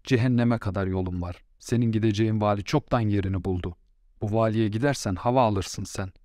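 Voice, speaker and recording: A man's voice: fairly low pitch, brisk, a little mellow, dry recording, studio quality, natural voice. A man voicing a proud, quarrelsome mother-in-law in an audiobook story, scolding and indignant. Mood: defiant.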